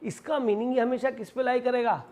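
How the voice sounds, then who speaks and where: High-voiced Indian maths teacher. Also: male voice, steady tone, a little fast, a little mellow. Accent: Indian English. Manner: explains step by step, asks and answers his own questions; addresses students affectionately as "beta". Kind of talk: classroom lecture.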